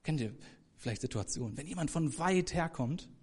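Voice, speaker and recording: A man preaching a sermon to a congregation, talking to them directly, now rising to loud emphasis, now dropping soft and slow. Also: a little high, expressive, husky. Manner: addresses congregation directly, swells for emphasis then drops soft.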